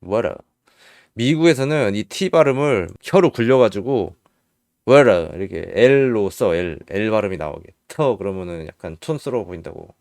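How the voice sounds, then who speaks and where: A man teaching English spelling in Korean, slowly spelling out letters and repeating each sound patiently. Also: on the low side, lively intonation, a little mellow, no room sound, studio quality. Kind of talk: casual spelling lesson.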